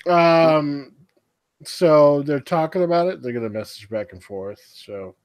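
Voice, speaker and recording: A man's voice: fairly high pitch, unhurried. A man chatting casually as a streamer, rambling conversationally and often trailing off. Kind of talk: casual chat on a livestream.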